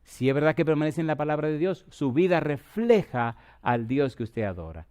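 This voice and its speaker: A middle-aged man preaching a sermon as pastor, moving between quiet storytelling and loud, emphatic preaching while asking his listeners rhetorical questions. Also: fairly high pitch, lively intonation, normal speed. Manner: asks the congregation repeated rhetorical questions.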